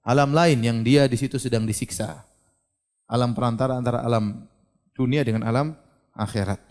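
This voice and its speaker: A man giving a religious lecture, animated and questioning, who asks his audience questions and acts out scenes. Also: mid-range voice, normal speed. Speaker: preacher.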